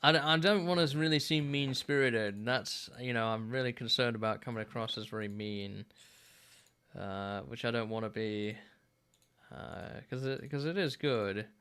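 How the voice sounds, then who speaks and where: A man in his thirties streaming a game, musing aloud in a relaxed way with plenty of fillers. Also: mid-range voice, moderate pace, smooth. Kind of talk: casual gameplay commentary.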